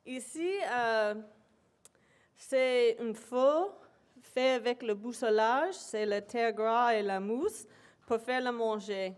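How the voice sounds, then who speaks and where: A native English-speaking woman, invited to give an academic presentation in a lecture hall, speaks slowly and hesitantly with many pauses and fillers. Her voice is fairly high and clean in tone.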